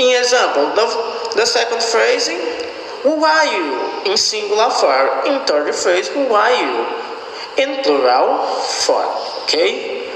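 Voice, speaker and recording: A man from Brazil, teaching an English lesson slowly and often checking in with his students. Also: sits high, vocal fry, a bit bright, slight background noise. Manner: slow and explanatory, often checks in with the class. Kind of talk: recorded online lesson. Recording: echoey room with long reverb.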